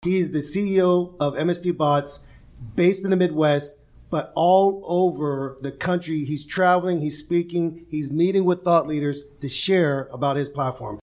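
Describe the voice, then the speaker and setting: A man hosts an interview podcast in a fairly high voice. He sounds upbeat and emphatic, and he stretches out his introductions and questions. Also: normal speed, a little mellow. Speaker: podcast host. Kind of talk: interview hosting.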